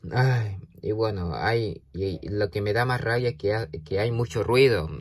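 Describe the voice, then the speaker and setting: A man chatting to a silent companion in a halting, nervous way, stammering and restarting often, with sudden yelps. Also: lowish voice, no room sound. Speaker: video creator talking to a toy character. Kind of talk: casual one-sided chat to a silent companion.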